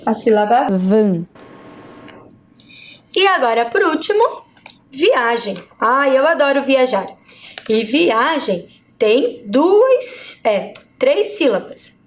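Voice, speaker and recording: A woman's voice: high voice, big pitch swings, slow pace, a little hiss or hum. A woman primary school teacher with a Brazilian Portuguese accent, giving a video lesson to children, patiently breaking words into syllables and checking in often.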